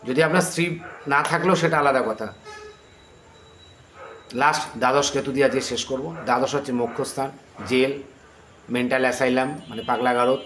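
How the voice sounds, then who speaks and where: A man's voice: mid-range voice, fairly even intonation, a bit bright. A middle-aged man with a Bengali accent teaching astrology, earnest and pleading as he explains. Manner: earnest, pleading, chants mantras slowly. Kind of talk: astrology lesson. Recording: echoey room, faint ambient noise.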